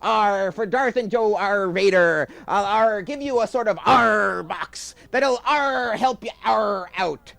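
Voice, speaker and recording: A man's voice: high voice, slow, creaky, hardly any pauses, fairly bright tone, no echo, voice pushed up, exaggerated voice. A man voicing a jolly male pirate in a home-made bedtime story, growling "arr" between his words. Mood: blustery.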